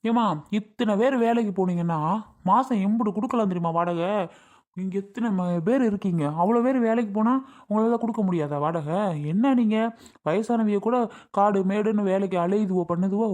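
This man has a high, slightly mellow, natural-sounding voice. He's acting in a village family skit as a boastful, stubborn landlord, pushing hard in the haggling and saying his price over and over.

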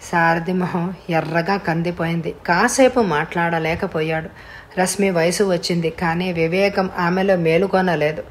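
A woman reading a story aloud as an audiobook narrator, in a steady, even way. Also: lowish voice, moderate pace, a little hiss or hum.

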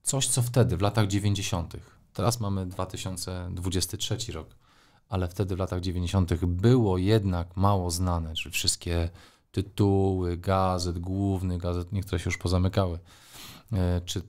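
A man's voice: sits low, fairly even intonation, moderate pace, darkish tone. A middle-aged man, a sports journalist, answering interview questions thoughtfully, with frequent hesitations and fillers.

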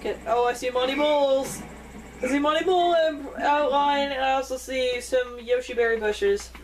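A woman's voice: high voice, moderate pace. A woman co-hosting a let's play, chatting casually and swearing freely as she plays, laughing often. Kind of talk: casual gaming banter. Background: video game music.

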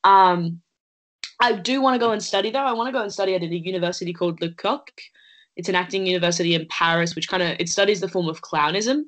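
A teenage girl from Australia, speaking from home through her laptop webcam on a video call. Her voice sits on the low side for a woman, and she talks about her acting in an earnest, chatty way, circling back with fillers as she thinks aloud. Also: fairly even intonation, quick pace, fairly bright tone, low-quality recording. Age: late teens. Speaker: actress, interview guest. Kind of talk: casual interview over video call. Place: indoors at home.

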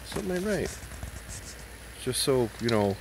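A man's voice: medium pitch, big pitch swings, measured pace, creaky, slight background noise. A middle-aged man from Connecticut filming a casual, rambling vlog outdoors on a handheld phone, joking and sarcastic as he jumps from topic to topic. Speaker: YouTube vlogger and truck tinkerer. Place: outdoor gravel yard. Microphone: handheld phone camera, speaker off-screen.

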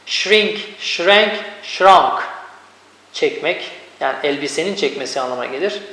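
Male teacher, high pitch, deliberate drilling delivery, reverberant room. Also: animated, pushed and bright. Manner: slow, deliberate drilling of each word form. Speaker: English teacher. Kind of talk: reading a verb list with translations. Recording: echoey room with long reverb.

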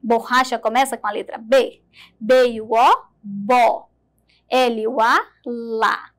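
A woman from Brazil with a high, bright-pitched voice teaches young children to read. She sounds out each word slowly, syllable by syllable, and praises the class often. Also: fairly even intonation. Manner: slow, syllable-by-syllable sounding out, encouraging. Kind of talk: early-grade lesson for young children.

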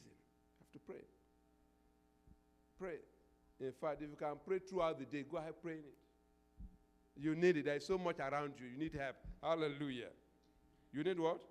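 In an echoing church hall, an older pastor speaks a little fast in a slightly high voice, handheld microphone at the ready on the indoor stage. His sermon is emphatic, full of repeated phrases and questions for the crowd to answer, and it swells into prayerful declarations.

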